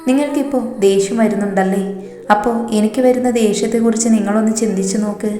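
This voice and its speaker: A woman's voice: mid-range voice, fast talker, dark tone, close to an everyday voice. A woman playing an exasperated scolding young mother. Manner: scolding, complaining. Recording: reverberant room, faint music behind.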